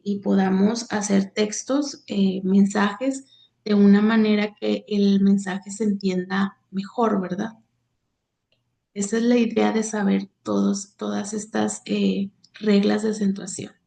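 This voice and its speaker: A woman teacher, reading grammar slides aloud in a halting way with many fillers. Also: medium pitch, steady tone, vocal fry, dark tone. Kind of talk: slide lecture on accent rules.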